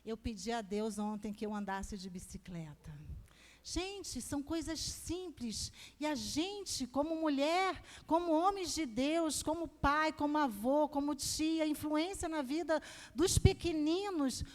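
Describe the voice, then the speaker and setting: A middle-aged Brazilian woman preaching a sermon at a women's congress, telling personal testimony with animated, emphatic storytelling. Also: high voice, unhurried. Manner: animated storytelling, emphatic, acts out quoted voices. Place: church sanctuary. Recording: long reverb of a church hall.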